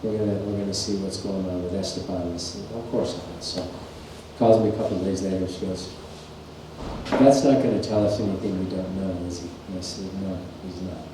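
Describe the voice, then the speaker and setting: Folksy farrier in an echoey shop. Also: male voice, deep voice, steady tone, fairly quick. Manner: rambling anecdotal, folksy. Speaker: farrier instructor. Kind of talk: clinic presentation storytelling. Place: large workshop or clinic hall. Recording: echoey shop, mic far off, faint hum.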